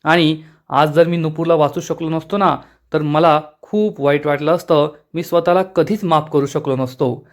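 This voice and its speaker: एक पुरुष काळजी करणाऱ्या, प्रेमळ नायकाच्या ओळी वाचतो. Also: male voice, on the high side, steady tone, moderate pace, close to an everyday voice. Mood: earnest. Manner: earnest, caring. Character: devoted protective young hero.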